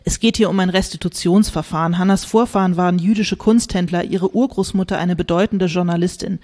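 A woman's voice: lowish voice, fairly even intonation, a little fast, darkish tone, close to an everyday voice. A woman reading from her novel, voicing a self-important man who leads a discussion group in a patronizing tone. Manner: patronizing, soothing.

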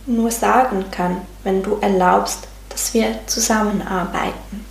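A woman voicing the loving, reassuring inner voice of a soul, speaking in a gentle, patient, guiding manner. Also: medium pitch, fairly even intonation, a little slow, gravelly. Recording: roomy sound with faint music.

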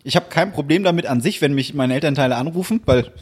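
A man hosting a podcast, telling stories in a casual, animated way and stumbling over his words. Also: a little high, fast, husky. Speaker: podcast host. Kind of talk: casual chat.

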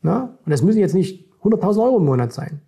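Middle-aged guy coaching money stuff on camera, raised pitch, dark mellow voice, keeps going "ne?". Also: sing-song, quick pace, gravelly, slightly rough. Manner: direct, keeps addressing the viewer with "ne?" and "So.". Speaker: finance and stock-market coach. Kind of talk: casual monologue to camera.

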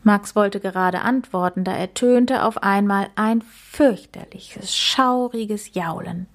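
A woman reading a children's story aloud, gentle and unhurried. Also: medium pitch.

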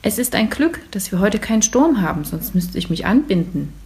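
A woman's voice: medium pitch, big pitch swings, darkish tone. A woman reading aloud, voicing a cheerful, bossy, tidy little girl in a children's story. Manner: brisk and commanding.

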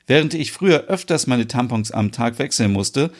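A man's voice: medium pitch, animated, normal speed. Matter-of-fact young woman, read by a man, patient and explaining, storybook reading.

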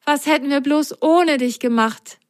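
A woman voicing a cheerful, polite little sock in a children's story, speaking in an excited, warm-hearted way. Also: high voice, unhurried, dry recording, clean studio sound, pitched above the performer's own voice.

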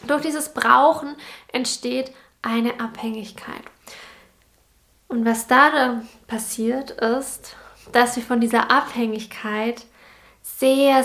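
A woman's voice: high-pitched, sharp tone. A woman hosting a solo podcast as a business mentor, speaking directly to the listener and repeating key phrases for emphasis.

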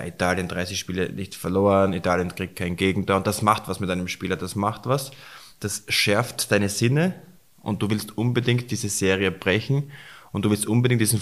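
A hoarse man, hosting a sports recap podcast and talking in a rushed, emotional way. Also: fairly low pitch. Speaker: podcast host.

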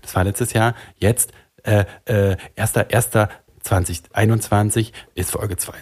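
A man's voice: lowish voice, fairly even intonation, unhurried. A man co-hosting a podcast, playing a nervous trainee in a comedy bit, stammering and flustered. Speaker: podcast co-host.

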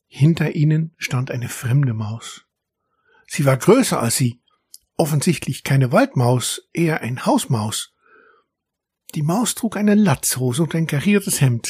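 A man narrating a children's story in a gentle, even storytelling manner. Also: mid-range voice, slightly rough, no room sound, studio quality.

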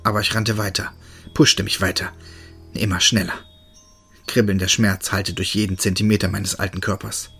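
Husky low-voiced male horror narrator. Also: normal speed, faint music behind. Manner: steady, tense first-person storytelling. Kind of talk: scripted horror story narration.

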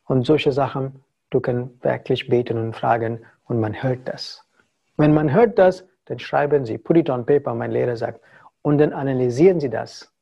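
A man's voice: mid-range voice, moderate pace, gravelly, dark tone, breathy edge, lo-fi sound. A man from India, a spiritual teacher giving a talk to followers in broken German with English phrases mixed in. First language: not German.

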